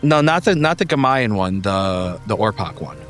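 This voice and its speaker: A man's voice: on the low side, sing-song, normal speed, a bit bright, soft background music. A man, the game master and host, chatting casually and in a rambling, self-deprecating way. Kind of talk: casual debrief chat.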